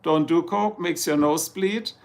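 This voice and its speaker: Broadcasting from his Ohio home in the US, a livestream host originally from Germany reads comments and chats loosely with his viewers in a German accent. He speaks at a measured pace in a gravelly voice on the high side, rambling, joking, and sometimes dropping into German.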